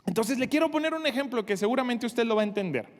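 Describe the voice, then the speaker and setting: Earnest preacher, high voice, hall reverb. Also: male voice, expressive, quick pace. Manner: earnest preaching, addressing the congregation directly, acting out short quotes. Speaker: pastor. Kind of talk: sermon. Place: church hall.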